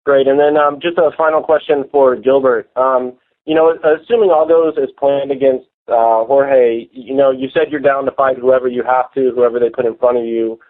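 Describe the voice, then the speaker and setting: Male reporter, average pitch, informal questioning delivery, narrow-band telephone sound. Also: steady tone, normal speed. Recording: muffled phone conference line.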